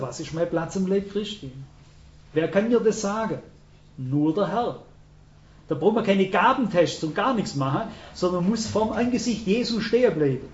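A man's voice: high voice, a little mellow. An older man, preaching a sermon in an earnest storytelling way with emphatic rises. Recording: roomy, dull hall recording.

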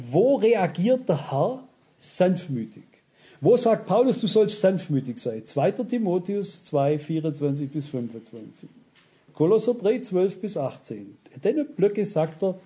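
Addressing his congregation, a man delivers a forceful, blunt sermon in a high, mellow voice. Rhetorical questions come often, along with cited scripture references.

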